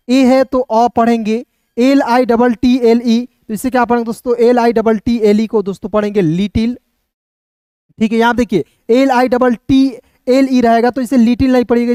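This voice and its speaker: A man's voice: high-pitched, a little mellow, clear, resonant tone, dry recording. Male online teacher, patient drill style, spells letters then answers his own questions, dry close sound. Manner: keeps addressing viewers as friends. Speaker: English teacher. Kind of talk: online classroom lesson.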